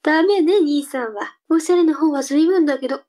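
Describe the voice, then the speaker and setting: Cheeky kid sister for comic reading drama, played by a woman: high, cute anime-girl voice, sulky edge. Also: brisk, warm tone, natural voice.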